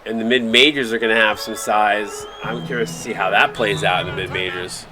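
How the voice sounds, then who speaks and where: Calling a simulated basketball game for a live stream, this man speaks fairly quickly in a steady, lowish voice while music plays behind him. He's upbeat as the league's play-by-play announcer and thanks viewers by name between plays.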